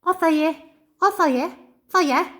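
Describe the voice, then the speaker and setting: Woman voicing Ratoun, a squeaky little mouse puppet. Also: a little fast. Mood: chirpy. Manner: bouncy, excited questions. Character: chirpy little female mouse puppet, eager and curious. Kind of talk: children's puppet show.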